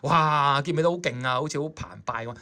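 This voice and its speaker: A man's voice: on the high side, fast talker, pushed and bright, slight background noise. A man with a Hong Kong Cantonese accent, teaching saxophone in a chatty way and often checking in with his students. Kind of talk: explaining a score in a music lesson.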